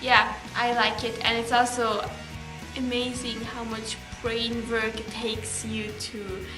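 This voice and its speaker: A teenage girl from Belarus is interviewed in English, which isn't her native Russian. Her delivery is flat and slow, her pitch on the high side, and she leans heavily on fillers and restarts. She's an exchange student, recorded in a reverberant room with music behind her.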